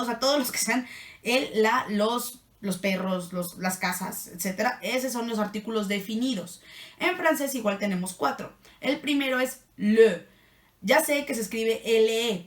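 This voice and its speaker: A woman's voice: on the high side, recorded from a distance. A woman teaching a casual online French lesson, chatty and playful. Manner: chatty and playful, laughs at her own asides. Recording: echoey room, voice set back from the mic.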